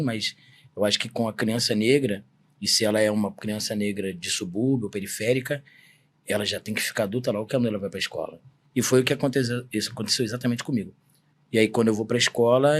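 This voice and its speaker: Fast-talking husky Brazilian man. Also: on the low side. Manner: earnest storytelling, fast and emphatic. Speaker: guest, samba singer-songwriter. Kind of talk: reflective podcast interview.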